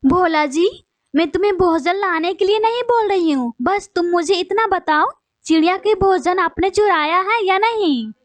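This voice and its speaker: A woman voicing a female bulbul bird, a sharp-tongued wife and mother, with a scolding, bossy manner. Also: extremely high pitch, animated, moderate pace, no room sound. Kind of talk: cartoon voice acting.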